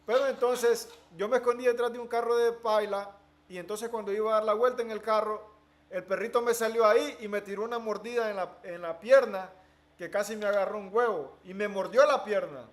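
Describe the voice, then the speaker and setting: Animated high-voiced man telling stories. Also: brisk. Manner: animated storyteller mixing in English words. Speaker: interviewee. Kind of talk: casual conversation.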